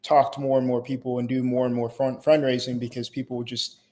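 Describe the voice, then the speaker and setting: A man's voice: medium pitch, level tone, fairly quick, mellow. A young man in his late teens, born in Haiti, answering interview questions in a hesitant way with fillers and restarts. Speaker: guest.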